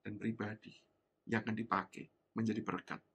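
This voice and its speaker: A man preaching at an online youth service, telling a childhood story with animated, acted-out voices. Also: fairly low pitch, brisk, breathy edge. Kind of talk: sermon with personal story. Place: church service streamed online.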